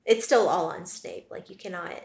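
A woman's voice: on the low side, moderate pace, darkish tone. A woman co-hosting a casual book podcast, talking emphatically. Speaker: podcast co-host. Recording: roomy echo.

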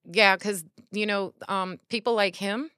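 A woman in her forties, a podcast guest, telling her story in an earnest, animated way with many filler words. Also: medium pitch, unhurried, smooth, no room sound, clean studio sound. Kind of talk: casual conversational storytelling.

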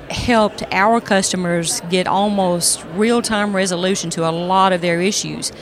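A woman executive giving measured, businesslike explanations as a podcast guest at a convention expo. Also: mid-range voice. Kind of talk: explanatory interview talk.

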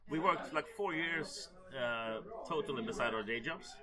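A man's voice: medium pitch, moderate pace, a loud crowd. A man who founded a game company, answering interview questions hesitantly, with many restarts. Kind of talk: conversational interview.

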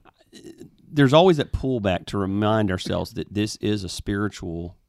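Gravelly low-voiced man, careful words. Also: expressive, a little mellow, no echo, studio quality. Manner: careful, hesitant, measured phrasing. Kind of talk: reflective casual conversation.

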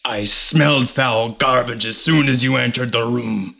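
A man voicing a hot-tempered, impatient man who speaks loudly and with scorn. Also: mid-range voice, measured pace, gravelly, heavily acted. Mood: contemptuous. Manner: loud, scornful. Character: hot-tempered male warrior-scholar, gruff and impatient.

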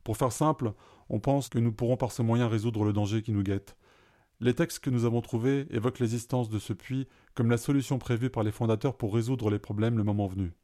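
A man reading a story aloud, voicing a calm, matter-of-fact companion who reassures the others. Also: medium pitch, a little fast, close to an everyday voice. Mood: explaining. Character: calm pragmatic male companion.

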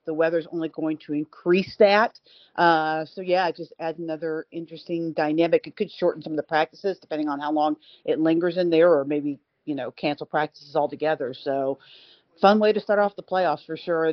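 A woman's voice: sits low, fairly even intonation, fairly quick, dry recording. Self-deprecating woman on a dull line. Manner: self-deprecating, stammering, laughing. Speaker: sports reporter guest. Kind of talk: casual call-in chat.

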